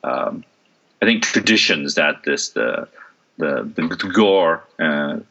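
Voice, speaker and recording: In a relaxed interview, a middle-aged voice and stage actor reflects thoughtfully, often using fillers and restarting his sentences. He has a bass voice with lively intonation and a sharp tone, takes his time, and the recording's highs are cut off.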